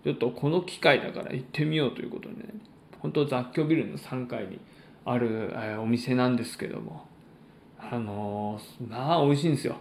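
Polite male podcast host, creaky and echoey. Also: medium pitch, slight background noise. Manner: polite, formal announcer-like phrasing with frequent pauses. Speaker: podcast host and stand-up comedian. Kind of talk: solo podcast chat with polite announcements.

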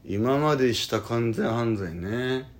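A man's voice: mid-range voice, expressive. A young man co-hosting a podcast, telling anecdotes in casual chat and acting out the voices in his stories. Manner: fast storytelling, acts out voices in anecdotes. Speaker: podcast co-host.

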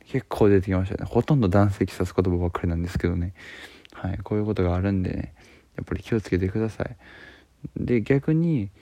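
Gravelly low-voiced man with Kansai accent. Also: fast talker, mellow, no echo. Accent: Kansai Japanese. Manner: chatty, joking, many fillers. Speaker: video creator. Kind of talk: casual talking-to-camera vlog.

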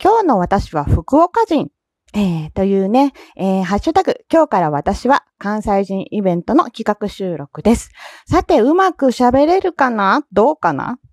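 A woman's voice: medium pitch, sing-song, measured pace, a little mellow, no echo, clean studio sound. A woman with an Osaka Kansai accent hosting a casual solo podcast, chatty and laughing often between her words. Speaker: podcast host.

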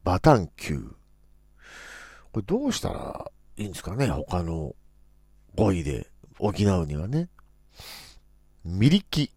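A man's voice: sits low, wildly swooping pitch, measured pace, pauses often, a little mellow, slightly rough, no echo, clean studio sound. A man hosting a casual solo talk show, musing playfully and acting out quoted phrases. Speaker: podcast host.

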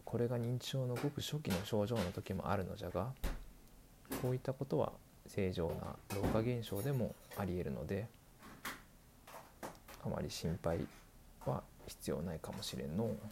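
A man playing a gravelly old doctor lecturing. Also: lowish voice, expressive, noisy background. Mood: explaining. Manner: old-man speech, drawn-out sentence endings. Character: elderly male doctor, patient and lecturing. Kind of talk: scripted explainer dialogue.

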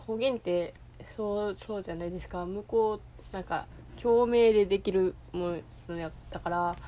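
A woman's voice: medium pitch, a little mellow, a little hiss or hum. Rambling Osaka-accented woman chatting. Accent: Kansai (Osaka). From Osaka, Japan. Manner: rambling, hesitant, full of fillers and restarts. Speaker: podcast host. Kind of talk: casual solo chat.

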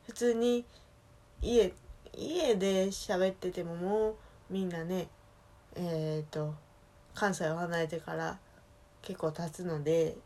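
A woman from Osaka speaking with a Kansai accent, chatting casually alone in a relaxed, rambling way that keeps correcting itself. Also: on the low side. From Osaka, Japan. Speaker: solo podcast talker. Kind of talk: casual solo chat.

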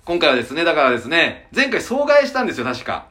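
A man's voice: a little high, wildly swooping pitch, quick pace, pushed and bright. A man co-hosting a comedy podcast, casual banter with silly wordplay. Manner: playful, silly voices and wordplay. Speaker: comedy duo member, podcast co-host. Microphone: studio mic.

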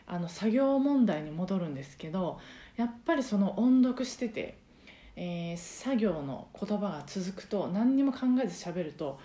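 A chatty woman talks through her points in a soft, breathy voice full of little fillers. Her tone is mellow and warm rather than bright. She sounds as if she is in an echoey room. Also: medium pitch. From Osaka, Japan. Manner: chatty, explanatory, many fillers. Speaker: podcast host and karaoke teacher. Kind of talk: casual solo podcast talk.

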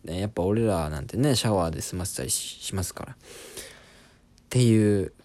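A man's voice: low voice, animated, fairly quick, dark tone. A man in his twenties, a comedian hosting a podcast, telling an embarrassing story in a casual, self-deprecating comic monologue. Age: 20s.

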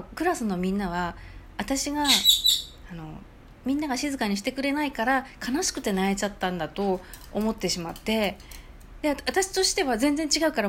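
A woman's voice: fairly high pitch, a little hiss or hum. A middle-aged woman hosting a casual solo talk show, telling personal stories in a chatty way and acting out the voices she quotes. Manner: chatty storyteller, lively, acts out quoted voices. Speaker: podcast host.

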